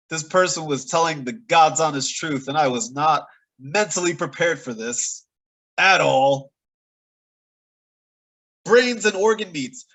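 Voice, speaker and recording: A man's voice: a little high, a bit bright, poor audio. A man hosting a podcast, recapping a TV episode in a casual, chatty way with playful exaggeration. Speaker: podcast host.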